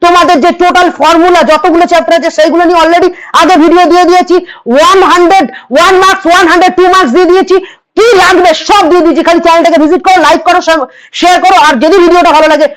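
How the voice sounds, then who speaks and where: A hoarse woman with a West Bengal Bengali accent, a math tutor giving an exam-prep lesson who repeats each step and coaxes students along. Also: extremely high pitch, level tone, rapid-fire, poor audio. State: hoarse from a cold.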